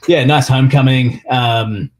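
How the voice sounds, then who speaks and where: A man's voice: medium pitch, fairly even intonation, a little slow, a little hiss or hum. An Australian man chatting casually as an interview guest, rambling and leaning on filler phrases. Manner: rambling, peppered with "you know" and "sort of". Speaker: podcast guest, sports business executive.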